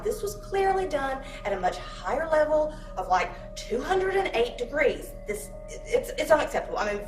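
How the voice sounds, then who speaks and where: A woman's voice: sits high, reverberant, distant mic, low-quality recording. An actress playing a haughty young queen who whines petulantly about her tea, in a mockumentary comedy. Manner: petulant, complaining.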